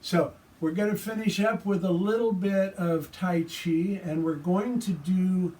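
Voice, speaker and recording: A man giving guided tai chi and qigong movement instruction with calm, soothing, relaxed cues. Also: high voice, a little slow. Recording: distant microphone.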